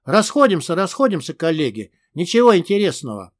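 A man's voice: high-pitched, big pitch swings, a little fast, dry recording, clean studio sound. Man voicing a bellowing burly soldier. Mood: domineering. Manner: bellowing, rough army swearing. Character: burly loud soldier man, middle-aged, boisterous.

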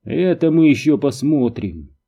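A man reading a stern army captain who gives short, steady orders. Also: mid-range voice, unhurried, creaky, slightly rough, heavily acted. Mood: calm. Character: stern male military captain, calm commander.

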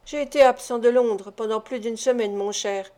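A woman's voice: fairly high pitch, fairly even intonation, moderate pace, darkish tone, lightly acted. A woman reading the part of a sly, fawning old male gang leader in an audiobook, in a wheedling, submissive manner.

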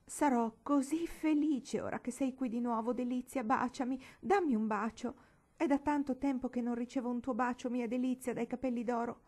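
A grieving, unhinged noblewoman in an audiobook, as a woman reader puts her on, coaxing and feverishly tender. Her voice sits somewhat high and pushes forward, sweet with an unsettling edge. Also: animated, moderate pace, warm tone. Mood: pleading. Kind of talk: audiobook reading.

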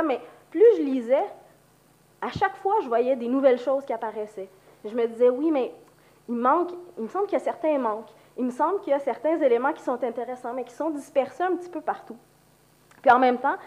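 Female lecturer, Quebec French accent, fairly high voice, speaking with the flu; informal conference talk. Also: a little mellow. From Quebec, Canada. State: has the flu. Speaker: university lecturer and researcher.

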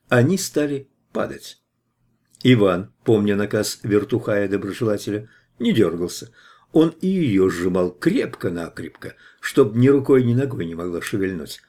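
A man narrating a science fiction audiobook with dramatic, expressive delivery. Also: lowish voice.

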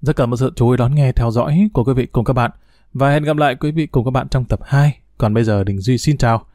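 A man reading a novel aloud as a storyteller, in a measured, formal narrating manner. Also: medium pitch, dark tone, no echo, clean studio sound. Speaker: storyteller, audiobook reader.

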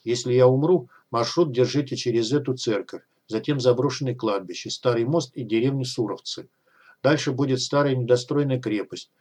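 A man voicing a gruff, weary male guide who gives blunt instructions in an audiobook. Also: mid-range voice, a little mellow, lightly acted.

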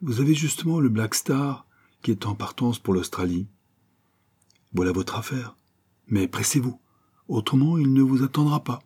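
A man voicing an eager, chatty harbor local with a pipe, speaking high and lively over his own husky voice. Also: moderate pace, pauses often. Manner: eager, pitched up.

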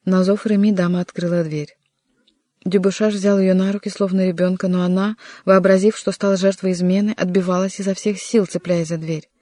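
An audiobook narrator reading a historical adventure novel in an even, measured way. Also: mid-range voice, no room sound, studio quality. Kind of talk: scripted narration.

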